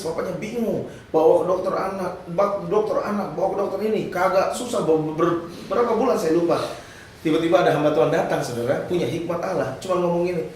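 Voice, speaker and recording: A man preaching a lively, humorous sermon and drawing responses from his congregation. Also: sits high, slight background noise. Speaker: pastor. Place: church hall. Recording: echoey hall, mic at a distance.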